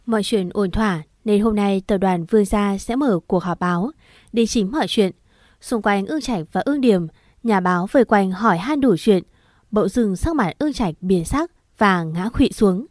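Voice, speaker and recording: A woman's voice: medium pitch, normal speed, a little mellow, no echo, clean studio sound. A woman narrating a serialized audio story, reading every character's lines in her own voice.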